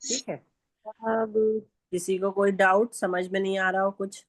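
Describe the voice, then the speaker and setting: A woman with a Pakistani Urdu accent teaching Quran recitation in an online class, speaking slowly and patiently and stretching out sounds to demonstrate them. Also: medium pitch, level tone, low-quality recording.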